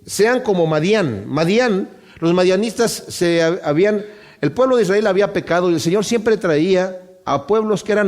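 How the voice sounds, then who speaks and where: Emphatic preacher, fairly high-pitched man. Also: a little mellow. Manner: emphatic, reads scripture aloud slowly; addresses the congregation directly. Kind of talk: Bible-study sermon.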